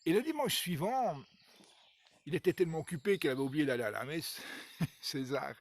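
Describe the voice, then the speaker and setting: A man telling a folk tale in a lively oral style, with hesitations and repetitions. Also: fairly high pitch, normal speed. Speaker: storyteller.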